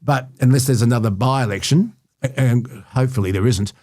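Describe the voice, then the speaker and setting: A man's voice: mid-range voice, fairly quick, mellow, no room sound, studio quality. An Australian man hosting a podcast, chatting wryly about politics in short bursts. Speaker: podcast host. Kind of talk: casual political chat.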